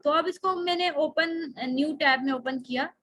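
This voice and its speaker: A woman's voice: sits high, a little slow, a bit bright, low-quality recording. A young woman teaching an online class, patiently walking students through each step and often checking they follow along. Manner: patient explaining, frequent checks of "theek hai", asks class questions. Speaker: online course instructor. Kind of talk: screen-share lesson.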